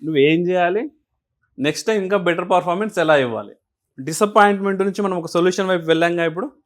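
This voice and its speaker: A man explaining emotions in an interview, asking and answering his own questions in an animated way. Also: high-pitched, rapid-fire. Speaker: guest speaker on emotions.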